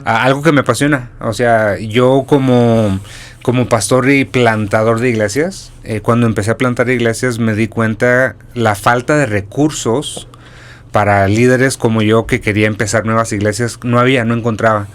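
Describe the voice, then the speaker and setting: A man in his forties from Durango with a northern Mexican accent, a pastor and church planter calmly telling his story as a guest. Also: medium pitch, normal speed. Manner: calm, steady storytelling with small restarts.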